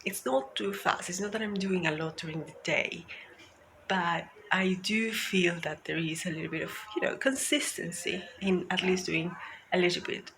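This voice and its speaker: A woman's voice: lowish voice, moderate pace, creaky, fairly bright tone, a little hiss or hum. A woman vlogger thinking aloud in a casual chat about her sewing progress. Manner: chatty, thinking aloud, with "like" and "you know". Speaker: craft vlogger.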